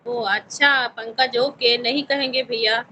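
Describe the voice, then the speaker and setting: A woman's voice: fairly high pitch, fairly even intonation, a little slow, sharp tone, slight background noise, low-quality recording. A woman from Uttar Pradesh hosting a casual live stream, politely answering viewers' comments and calling everyone brother. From Uttar Pradesh, India. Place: home in Visakhapatnam.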